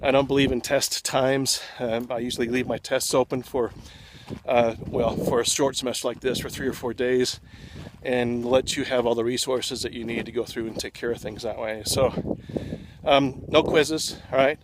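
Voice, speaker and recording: A male online course instructor giving a relaxed, conversational lecture to his students, slightly out of breath, with plenty of ums and uhs. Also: medium pitch, normal speed. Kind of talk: casual lecture to students, recorded on a phone. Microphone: phone recording. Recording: phone recording with clear traffic noise outdoors.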